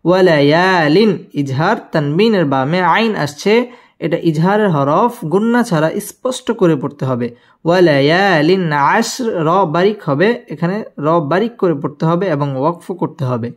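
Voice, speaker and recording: A man teaching Quran recitation with tajweed, spelling out each verse and then chanting it slowly and melodically between brisk explanations. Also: on the high side, expressive. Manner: slow drawn-out melodic recitation alternating with quick spoken explanations.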